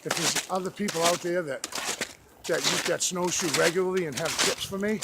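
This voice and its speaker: A man talking casually to his vlog viewers, halting and rambling as he trudges through snow outdoors. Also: sits high, steady tone, vocal fry. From New England, United States. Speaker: outdoor vlogger. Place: outdoors on a snowy forest trail. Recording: noisy outdoor audio with clicks.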